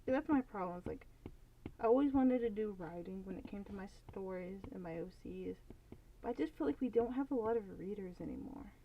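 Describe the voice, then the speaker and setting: A woman's voice: mid-range voice, expressive, a little fast. Rambling young woman streaming her drawing. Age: young adult. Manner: rambling, filler-heavy, thinking aloud. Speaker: art streamer. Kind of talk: casual live-stream chat while drawing. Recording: slightly dull lo-fi audio with faint noise.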